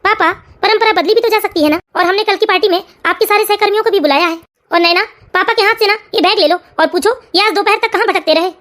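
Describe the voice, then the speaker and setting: A woman's voice: extremely high pitch, quick pace, a bit bright. A woman voicing a grown son, a caring young engineer in a cartoon family story, reassuring and lecturing. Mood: earnest.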